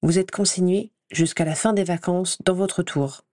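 A woman's voice: fairly low pitch, steady tone, normal speed, dark tone, no echo, clean studio sound, natural voice. A woman reading an audiobook voices a stern older female professor with a cold, clipped, reproachful manner.

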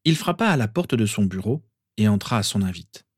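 A man calmly narrating a story aloud. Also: on the low side, a little fast, husky, no echo, studio quality. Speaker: reader. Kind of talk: audiobook narration.

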